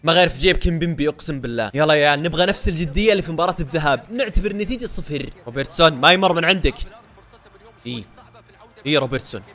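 A young man giving live commentary on his own football video game match, excitable and breaking into shouts over goals. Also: on the high side, rapid-fire, soft background music. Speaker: gaming YouTuber.

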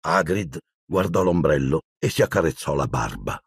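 A middle-aged man narrating an audiobook in an expressive, theatrical storytelling manner with a gravelly, husky voice. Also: very deep voice, moderate pace, no room sound, studio quality.

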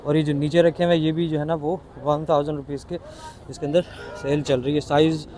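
A man, his voice sitting slightly high, talks enthusiastically about what he sees. He is filming himself on a handheld phone while walking through an outdoor city bazaar, often repeating prices as he goes. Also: flat delivery, fairly quick, dark tone. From Pakistan. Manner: chatty, enthusiastic, repeats prices, asks shopkeepers questions. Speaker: vlogger touring a market. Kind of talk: casual walking market tour vlog.

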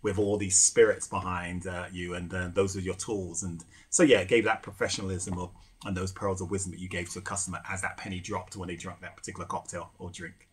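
Man, middle-aged, husky voice, lowish pitch, rambling storyteller on a podcast. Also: flat delivery, a little fast. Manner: storytelling, with fillers and restarts. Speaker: guest, rum ambassador and former bartender. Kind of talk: casual podcast conversation.

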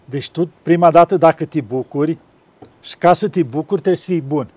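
A man, an abbot, talking gently about faith and acting out little dialogues as he tells stories. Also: on the high side, breathy edge, no room sound. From Romania. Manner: gentle storytelling, acts out dialogues. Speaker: monk and abbot. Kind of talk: spiritual conversation.

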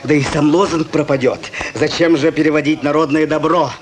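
An actor playing a sly, cheeky village rogue with a self-assured, bantering way of arguing in a comedy-drama film. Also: male voice, a little high, fairly even intonation, brisk, a little hiss or hum, natural voice. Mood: sly, defiant.

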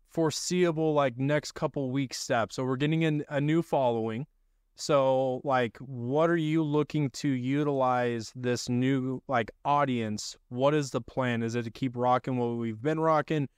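A man's voice: mid-range voice, a little slow, clean tone, dry recording. A young man hosting a casual video-call podcast interview, asking loose, filler-heavy questions from his home studio. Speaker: podcast host. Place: home studio room with desk. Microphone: studio mic on boom arm.

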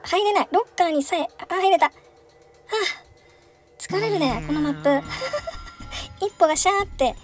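A young woman streams a horror chase game, giggling and laughing often and shrieking in panic whenever she's chased. Her voice is very high-pitched at a moderate pace with frequent pauses, over soft background music.

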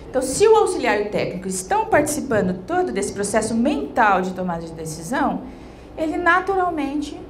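A woman's voice: fairly high pitch, slight background noise. Woman lecturing on a handheld mic. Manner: explanatory, frequent "né?" and "tá?" tag questions. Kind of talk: conference lecture. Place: large lecture hall.

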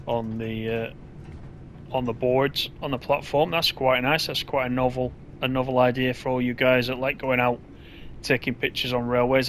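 A man's voice: mid-range voice, fairly bright tone, slight background noise. Easygoing man narrating a train game. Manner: chatty, easygoing, thinks aloud with fillers. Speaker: gameplay commentator. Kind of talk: casual gameplay commentary.

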